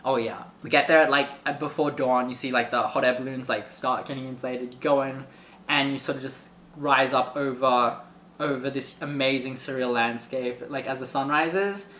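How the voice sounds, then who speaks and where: A man telling a travel story in casual chat, animated and full of filler words. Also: medium pitch, normal speed, reverberant, a little hiss or hum. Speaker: guest storyteller.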